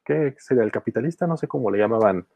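A man's voice: medium pitch, lively intonation, fast talker, gravelly, a little mellow, dry recording. A Mexican man on a podcast, casually retelling a comic story in a rambling way, full of restarts, fillers and chuckles.

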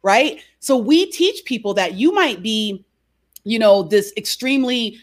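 A woman speaking as a guest in an interview, a behavior coach who explains her ideas through lively stories and keeps asking "right?". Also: on the high side, measured pace. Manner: animated storyteller, frequent "right?". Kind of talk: conversational interview.

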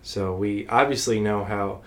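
A man's voice: fairly low pitch, a little slow. A man co-hosting a podcast in casual chat, rambling with lots of fillers and restarts. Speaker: podcast co-host.

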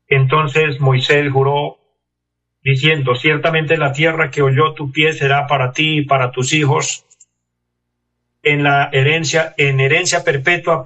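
A man delivers an exhorting radio sermon, pausing between short phrases. His voice sits at an ordinary middle pitch. He sounds set back from the microphone. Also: pushed and bright. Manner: earnest, exhorting, measured phrases with pauses. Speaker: preacher. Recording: distant from the mic.

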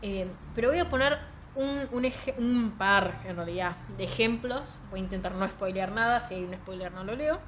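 A woman's voice: mid-range voice, moderate pace, slight background noise. A woman with a Rioplatense Spanish accent co-hosting a podcast, chatting casually and sarcastically about books. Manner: sarcastic, animated, reads passages aloud mockingly. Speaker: podcast co-host. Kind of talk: casual book-review chat.

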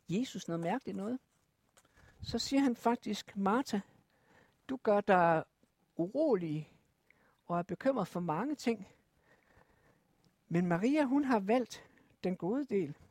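Preacher, Bible story for children, lively, asks questions, dry sound. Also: mid-range voice, pauses often, dry recording.

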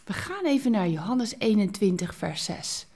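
A woman hosting a devotional podcast, speaking expressively and switching between lively and hushed phrasing, ending with a prayer. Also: medium pitch, moderate pace.

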